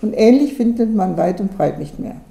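A man's voice: sits high, expressive, moderate pace, creaky, dark tone. A woman voicing a chummy village bailiff who touts an auction, recorded in an echoey room. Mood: touting. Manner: chummy, salesman-like. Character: genial, official village bailiff running an auction.

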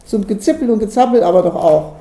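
A wry old village man with a dry, joking manner, as a woman reading a story puts him on. His tone is mellow and unhurried. The room around him has a noticeable echo. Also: high-pitched, animated. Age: older. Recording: echoey room.

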